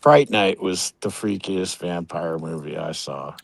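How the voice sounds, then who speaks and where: A man's voice: low voice, a little slow, gravelly, dry recording. A man co-hosting a podcast, cutting in with short wisecracks in casual chat.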